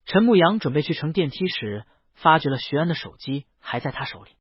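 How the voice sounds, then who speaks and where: Fairly quick in delivery, an audiobook narrator tells a scripted story with a slightly high, husky voice and animated intonation. The sound is close and dry, slightly muffled, with no echo.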